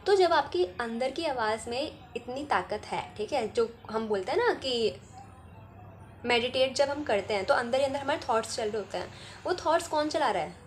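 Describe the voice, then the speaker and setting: A woman's voice: a little high, animated, moderate pace, slight background noise. A woman giving casual spiritual self-help advice, chatty and often checking in with "ठीक है?". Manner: chatty, keeps adding "ठीक है?". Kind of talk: casual advice talk to camera.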